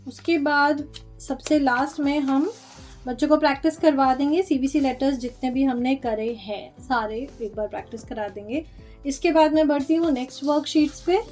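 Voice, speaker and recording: A woman's voice: sits high, normal speed, darkish tone, faint music behind. A woman teacher walking through phonics worksheets, sounding out letters one at a time in a patient, explanatory way.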